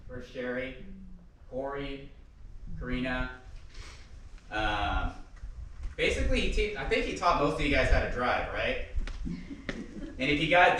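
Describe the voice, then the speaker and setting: Bright-voiced man telling stories in an echoey hall. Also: mid-range voice, far from the mic, a little hiss or hum. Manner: chatty storytelling with laughs and loud quoted outbursts. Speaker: son giving a eulogy. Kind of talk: casual anecdotal eulogy. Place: funeral service hall.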